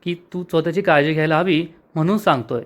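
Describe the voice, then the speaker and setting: A man's voice: fairly high pitch, fast talker, lightly acted. A man reading the lines of a rich young man, determined and in love, in a soap recap.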